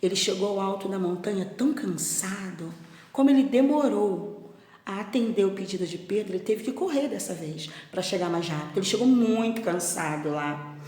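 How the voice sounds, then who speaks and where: A woman, a primary school teacher telling a story to children in a gentle, expressive way, often asking them questions. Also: medium pitch, moderate pace. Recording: echoey room with long reverb.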